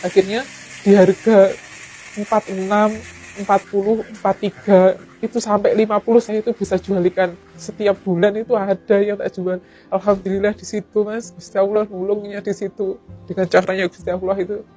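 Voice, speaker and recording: Warm, earnest East Javanese woman telling her story. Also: mid-range voice, level tone, moderate pace, faint music behind. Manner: earnest, often sighing thanks to God and quoting others. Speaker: fish farmer and teacher. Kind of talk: personal story told to an interviewer.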